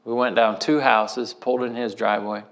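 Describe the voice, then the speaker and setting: A man from Missouri gives a sermon as a folksy personal story. He speaks with a mid-range pitch and leans on rural turns of phrase. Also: level tone, normal speed, fairly bright tone. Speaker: preacher.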